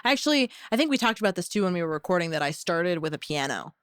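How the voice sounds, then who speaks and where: A woman's voice: on the low side, big pitch swings, fairly bright tone, no room sound, clean studio sound. Twenty-two-year-old woman from the Bahamas. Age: 20s. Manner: thoughtful, halting, many fillers. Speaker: guest singer-songwriter. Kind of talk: casual interview chat. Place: recording studio.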